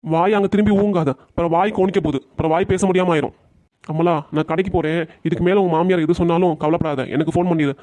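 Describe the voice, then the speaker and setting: High, rapid voice, stern cartoon dad who scolds a lot played by a man. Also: steady tone, a little mellow, dry recording, close to an everyday voice. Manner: scolding, quick-fire. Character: stern middle-aged family father, scolding. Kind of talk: cartoon comedy voice acting.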